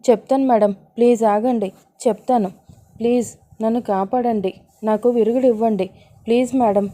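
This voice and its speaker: A woman's voice: on the high side, steady tone, normal speed, dark tone, natural voice. A woman voicing a frightened young woman receptionist who pleads nervously. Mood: pleading.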